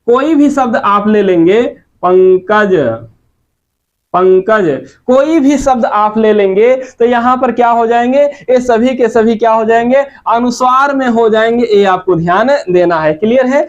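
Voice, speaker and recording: High-voiced Hindi-accented man teaching grammar. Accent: Hindi, eastern Uttar Pradesh. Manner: repeats example words slowly, quizzes students with questions. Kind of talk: grammar lesson. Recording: muffled lo-fi sound.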